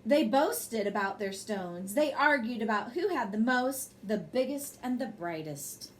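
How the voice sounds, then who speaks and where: Her fairly high voice is expressive and measured as she reads a bedtime story to children, pausing for short asides to the young audience. The storybook reader and host is heard over slight background noise.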